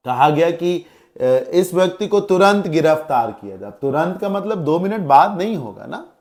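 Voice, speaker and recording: A man's voice: on the high side, big pitch swings, moderate pace, a little mellow. A male English teacher with an Indian accent, lecturing a class, explaining with everyday examples and repeating key words.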